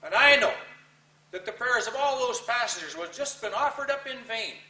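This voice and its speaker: A man with a folksy cowboy twang reciting rhyming verse as a theatrical storyteller, with drawn-out emphasis and dramatic pauses. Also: very high-pitched, lively intonation, bright, forceful tone. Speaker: cowboy poet reciting a narrative poem. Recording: roomy echo, distant microphone.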